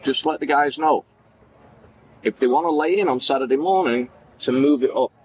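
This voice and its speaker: Animated Manchester man telling stories. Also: medium pitch, moderate pace, rough recording. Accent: Manchester English. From Manchester, England. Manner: animated, acts out quoted dialogue, gestures widely. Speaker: podcast guest. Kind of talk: casual storytelling interview. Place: indoor event backdrop at a farmers market.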